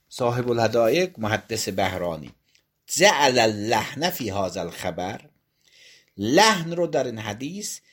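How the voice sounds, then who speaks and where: A man giving a classroom lecture in a husky, slightly breathy voice. His pitch rises and falls a lot as he reads a passage aloud and then unpacks it phrase by phrase. He often stops to rephrase or correct himself mid-sentence. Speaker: teacher of religious jurisprudence.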